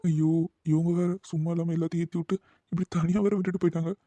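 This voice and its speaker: A man's voice: fairly high pitch, little pitch movement, rapid-fire, dark tone, no room sound, lightly acted. A man voicing a playful young man who teases and reassures his worried sweetheart in a cartoon. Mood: fretting. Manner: playful, coaxing, teasing. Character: young man teasing his anxious fiancée. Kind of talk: Tamil cartoon dubbing.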